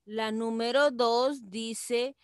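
Slow, patient woman teacher. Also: a little high, steady tone, smooth, no echo. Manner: slow, patient, repeats key points. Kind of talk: virtual class for children.

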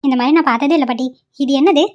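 A woman's voice: high voice, rapid-fire, dull audio, natural voice. Woman doing a devoted young wife, insistent. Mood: gentle. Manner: pleading, insistent. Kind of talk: cartoon voice acting.

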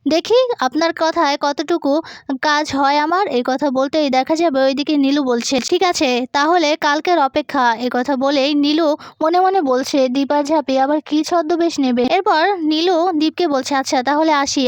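Woman narrator for a serial recap, high-pitched, dry and close, same steady voice for everyone's lines. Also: moderate pace, dry recording. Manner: retells each character's lines in a single steady narrating voice. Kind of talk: reading a serial plot recap.

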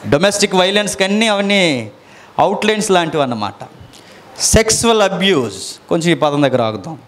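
Middle-aged male preacher, higher voice, dramatic sermon delivery, loud-to-quiet swings, quizzes the listeners. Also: lively intonation, fast talker. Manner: asks the listeners questions often.

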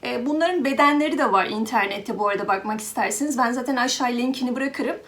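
A woman's voice: fairly high pitch, quick pace, fairly bright tone. A woman vlogger chatting casually to her viewers as she shows a pet grooming glove and talks to her cat. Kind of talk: casual product demo to viewers.

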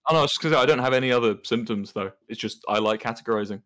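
A man's voice: mid-range voice, rapid-fire, fairly bright tone. A young man with an English accent, a guest chatting casually from an office building, playful, laughing and swearing freely. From England. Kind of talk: casual interview chat.

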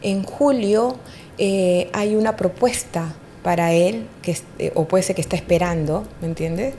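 Brief: woman psychic in an interview, mellow tone, hesitant with many fillers, faint rumble behind. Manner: hesitant, fills pauses with "eh" and "¿me entiendes?". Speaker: astrologer and psychic. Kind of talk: interview, giving psychic readings.

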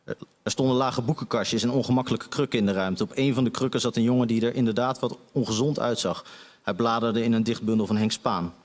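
A man's voice: mid-range voice, fast talker, in a large hall. A man giving a live reading of a satirical comic story on a stage, with dry, wry narration. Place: stage of a debate venue.

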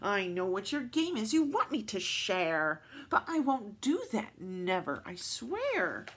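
A woman voicing a greedy, selfish male pug dog from a storybook, shouting in a shrill, possessive way. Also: big pitch swings, slow, husky, exaggerated voice.

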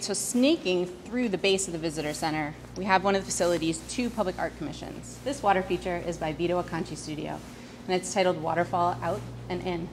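Brief: New woman, lowish voice, walking tour guide, traffic noise behind. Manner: friendly explanatory walking talk. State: slightly out of breath. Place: outdoors on a city street and inside a visitor center. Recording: noisy street ambience with traffic.

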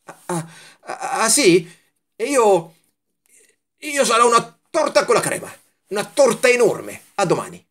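A man's voice: sits high, sing-song, unhurried, a bit bright, pitched above the performer's own voice, full character voice. A man reading a children's storybook aloud, voicing a gloomy, complaining little male candy in a raised, strained voice. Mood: boastful. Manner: complaining, tearful and sulky.

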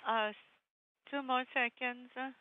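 A woman interpreting technical space radio exchanges live, in a halting delivery. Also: sits high, steady tone, slight background noise. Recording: tinny, narrow phone-like line.

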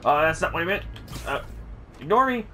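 A man doing casual, jokey let's play commentary, reacting out loud to a video game. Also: on the high side, expressive, brisk. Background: video game audio and music.

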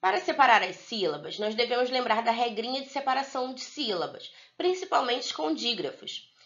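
A Brazilian woman teaching young pupils in a recorded video lesson, slowly spelling out words for the children. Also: a little high, very animated, fairly bright tone, lo-fi sound. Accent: Brazilian Portuguese. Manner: slow, drawn-out word-by-word dictation for young pupils. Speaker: primary school teacher.

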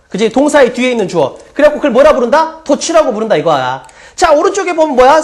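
A woman's voice: high-pitched, a little mellow. A woman teaching an English grammar lesson in a casual classroom style, walking through examples and asking frequent rhetorical questions. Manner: explains step by step with many rhetorical questions; casual, chatty asides.

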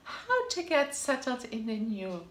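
In an echoey room with faint ambience, an upbeat woman delivers scripted advice about living abroad to camera, emphatic and repeating short punchy answers. Her fairly high voice swings widely in pitch, and she takes her time.

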